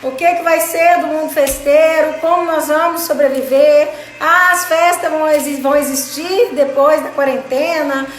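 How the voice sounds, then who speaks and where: Chatty high-voiced Brazilian woman, live stream. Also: fairly even intonation, normal speed, hardly any pauses. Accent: Brazilian Portuguese. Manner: warm greetings to viewers by name, chatty. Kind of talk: casual live stream chat. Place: home craft studio. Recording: roomy studio with background music.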